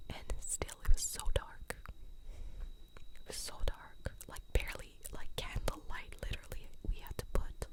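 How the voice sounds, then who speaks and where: A young adult woman whispers a rambling, informal ASMR storytime close to the ear in a breathy, clicky, unvoiced whisper with a mildly exasperated manner. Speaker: ASMR creator telling stories. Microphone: close ASMR stereo mic at the ear.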